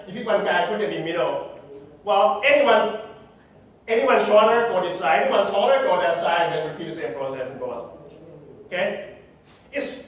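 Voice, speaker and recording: A man with a high voice lectures at a tech conference, walking the audience through ideas one step at a time. He repeats key phrases and keeps checking in with "right?" and "okay?". His voice rings through a large, reverberant hall, picked up from a distance. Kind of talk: conference presentation. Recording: echoey hall, distant mic.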